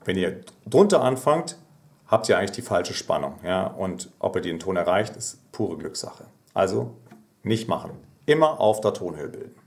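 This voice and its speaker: A man giving a singing lesson, explaining technique calmly and singing short demonstration phrases. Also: low voice, normal speed, vocal fry. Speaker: singing teacher.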